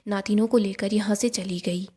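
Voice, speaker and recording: Woman reading as a scheming woman politician, defiant, insistent, accusing, mellow voice. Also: medium pitch, steady tone, normal speed, slightly rough, natural voice.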